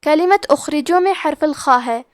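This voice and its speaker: A woman teaching Quran recitation rules step by step, explaining each letter and then reciting the word slowly. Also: high-pitched, no echo, clean studio sound. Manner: methodical, step-by-step explanation with drawn-out recited words.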